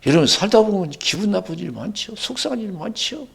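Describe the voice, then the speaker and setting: A male pastor preaching a sermon, with sudden loud rising bursts and quoted dialogue. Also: sits high, lively intonation, brisk, gravelly, slightly rough.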